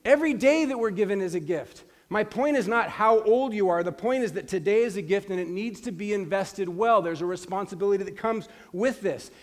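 A man's voice: sits high, a little fast, few pauses. A man in his forties, a pastor preaching a sermon in an earnest, emphatic way, repeating his key phrases. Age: 40s.

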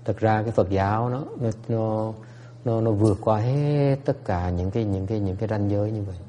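A man's voice: fairly low pitch, a little fast, warm tone, a little hiss or hum. A man giving a Buddhist teaching, moving between English and Vietnamese with frequent fillers and questions to the audience. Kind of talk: bilingual dharma talk. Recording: long hall reverb.

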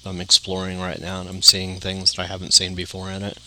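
A man's voice: deep voice, completely flat delivery, a little fast, pushed and bright, slight background noise. A tired man talking casually to the camera in a meandering monologue, full of fillers and restarts. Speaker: vlogger.

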